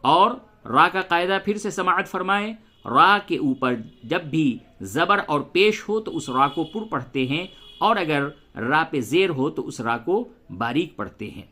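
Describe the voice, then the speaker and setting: A man's voice: on the high side, animated, sharp tone. Patient man teaching Quran recitation. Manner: patient, spells letters aloud and stretches recited words slowly. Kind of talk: tajweed lesson with slow recitation and spelling.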